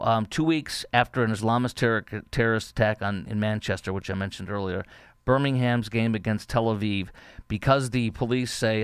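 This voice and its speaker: A man's voice: lowish voice, clear, resonant tone, dry recording. A man hosting a podcast, giving indignant, scornful political commentary. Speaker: podcast host.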